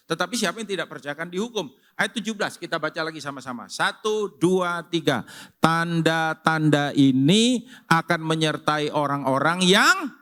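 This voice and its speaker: A male pastor preaching a sermon in a church, telling stories in an animated way and often turning to the congregation. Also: sits high. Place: church sanctuary.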